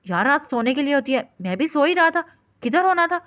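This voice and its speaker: A man's voice: very high voice, big pitch swings, brisk, pitched above the performer's own voice. A woman voicing a sleepy young man who stammers, drowsy and flustered. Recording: dull lo-fi recording.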